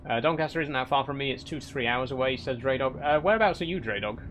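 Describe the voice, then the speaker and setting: This young man from Yorkshire talks fast on his live stream, his medium-pitched voice a bit bright and his Yorkshire accent clear as he reads viewer comments. He keeps it chatty, with lots of restarts and light wry teasing, against slight background noise.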